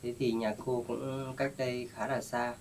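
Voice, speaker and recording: A man acting in a staged rural drama, speaking in a plain, steady, reassuring way. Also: medium pitch, a little slow, a little hiss or hum. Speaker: vlogger playing the rescuer.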